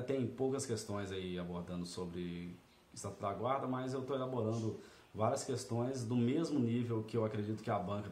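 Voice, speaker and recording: A male exam-prep tutor talks through practice questions in a relaxed, conversational way, often checking in with tag questions. His voice sits at a middle pitch, and the recording carries the noticeable echo of a bare room. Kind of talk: casual video lesson walking through a practice test. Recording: echoey room.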